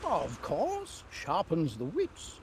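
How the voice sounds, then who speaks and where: An actor playing a pompous old English army major in a video game, telling tales theatrically and given to yelled exclamations. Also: male voice, fairly high pitch, huge pitch swings, slow pace, background noise, exaggerated voice. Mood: blustery, theatrical. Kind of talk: video game character acting.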